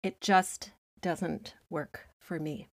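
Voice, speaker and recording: A woman's voice: on the low side, steady tone, drawn-out words, dry recording. A woman co-hosting a casual podcast, recorded inside a small closet, upbeat and enthusiastic as she explains things. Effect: recorded inside a closet, dry and close. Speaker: podcast co-host.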